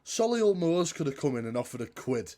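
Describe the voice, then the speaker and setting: A man's voice: fairly high pitch, big pitch swings, quick pace, warm tone. A man co-hosts a casual football podcast. His humour is dry and self-mocking. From Yorkshire, England. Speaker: podcast co-host.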